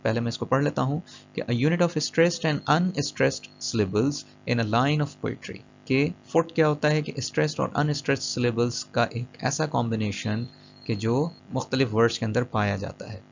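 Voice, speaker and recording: Male teacher, patient and repetitive, gravelly voice, lo-fi voice-over with quiet music. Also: medium pitch, normal speed. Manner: patient, repeats and checks understanding; mixes English terms into Urdu-flavoured Hindi. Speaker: English teacher. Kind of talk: explaining a lesson over slides. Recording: dull lo-fi voice-over with soft music.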